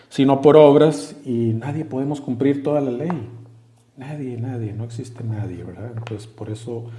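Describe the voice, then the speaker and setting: A man's voice: lowish voice, mellow, reverberant. A man giving a conversational Bible study sermon, explaining plainly, reading verses aloud and often checking in with his listeners. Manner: hesitant with frequent fillers and restarts. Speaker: Bible teacher.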